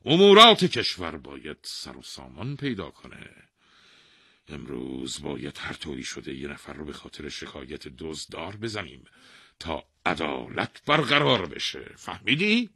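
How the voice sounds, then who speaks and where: A man voicing an angry, foolish king who shouts slow, drawn-out commands in a husky voice. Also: very deep voice, big pitch swings, dry recording, full character voice. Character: angry foolish male king, loud and bossy.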